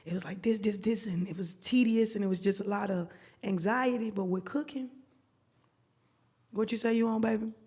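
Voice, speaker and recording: Lively storytelling woman. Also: mid-range voice, moderate pace, slightly rough. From Alabama, US. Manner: lively storyteller, slangy, acts out dialogue. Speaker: guest private chef. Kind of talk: casual podcast chat.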